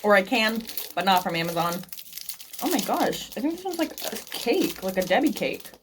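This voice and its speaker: A woman's voice: medium pitch, sing-song, normal speed, background noise. Chatty woman book vlogger, snacking. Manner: chatty, thinking aloud with restarts; eating snacks while talking. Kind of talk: casual chat to camera.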